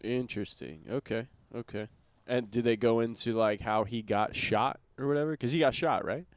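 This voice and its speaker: A man co-hosting a podcast in casual chat, relaxed and loose, saying "dude" often and trailing off in fillers. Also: mid-range voice, normal speed, dry recording. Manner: laid-back, says "dude" a lot, trails off with fillers. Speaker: podcast co-host.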